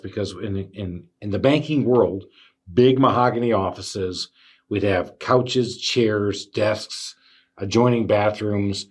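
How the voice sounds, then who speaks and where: Husky-voiced male podcast host, lowish, spins lively anecdotes. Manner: animated storyteller with fillers. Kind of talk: casual storytelling chat.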